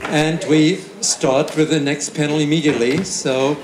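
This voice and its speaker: A man's voice: on the high side, fairly even intonation, moderate pace, heavy background noise. A man moderating a panel, speaking politely and a little hesitantly. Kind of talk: closing a panel. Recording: roomy hall with faint ambience.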